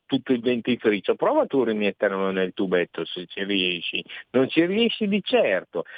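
A man's voice: medium pitch, no room sound. A man calling a radio show over a phone line, talking bluntly and emphatically. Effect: heard over a phone line. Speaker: radio caller. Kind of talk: call-in opinion rant.

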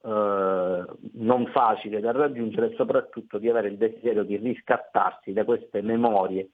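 A man's voice: fairly low pitch, fairly even intonation, moderate pace. Man from Palermo speaking over the phone. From Palermo, Sicily. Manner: emphatic, speech-like campaigning. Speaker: politician guest. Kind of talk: radio interview by phone. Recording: tinny phone line.

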